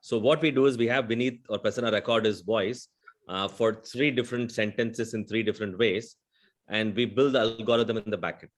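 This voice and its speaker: A man's voice: on the low side, fairly even intonation, fairly quick. A man with a South Indian accent, explaining things earnestly in a webinar panel discussion and checking in with "right?" often. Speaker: conversational AI vendor executive.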